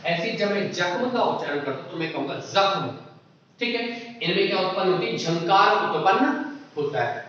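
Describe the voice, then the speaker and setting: A man's voice: sits high, lively intonation, a little fast, a bit bright, very echoey, recorded from a distance, dull audio, slight background noise. A man teaching a Hindi grammar lesson for exam prep. He asks questions and answers them himself, and he keeps repeating the key terms.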